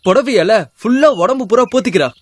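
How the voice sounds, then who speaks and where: A jealous, hot-tempered village husband in a film, shouting threats with a sickle one moment and whining about his marriage the next. His voice sits very high and the words tumble out fast. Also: expressive. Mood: aggrieved. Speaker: frustrated husband. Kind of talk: film acting.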